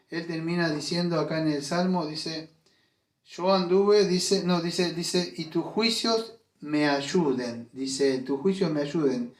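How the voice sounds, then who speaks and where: High-voiced emphatic preacher in echoey church. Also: male voice. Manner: emphatic, full of rhetorical questions and "¿eh?" tags. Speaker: pastor. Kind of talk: Spanish-language sermon.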